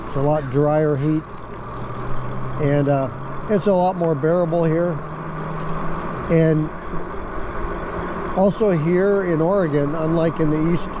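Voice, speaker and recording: Musing middle-aged man riding an e-bike. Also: on the high side. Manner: relaxed, musing, many fillers. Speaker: e-bike vlogger. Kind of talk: casual vlog narration while riding. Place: outdoors on a residential street, riding an e-bike. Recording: outdoor street traffic noise.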